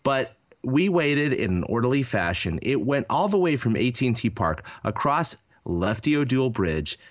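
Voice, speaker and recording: Animated man telling a long story. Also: mid-range voice, normal speed, dry recording, studio quality. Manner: rambling storyteller with many fillers and restarts. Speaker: podcast co-host. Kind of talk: casual chat.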